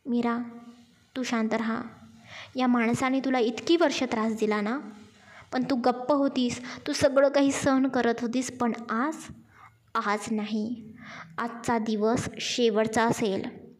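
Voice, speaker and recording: Woman doing a furious possessive boss guy, stern and bossy, kinda high voice. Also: fairly even intonation, takes it slowly, pauses often. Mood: angry. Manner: stern, commanding.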